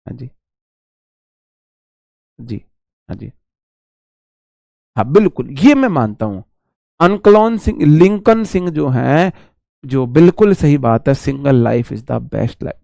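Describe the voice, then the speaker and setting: A man's voice: fairly high pitch, lively intonation, takes it slowly, gravelly, pauses often, mellow, no echo, studio quality. A young man teaching grammar in a live online class, chatty and teasing, mixing Hindi and as he reads student questions aloud.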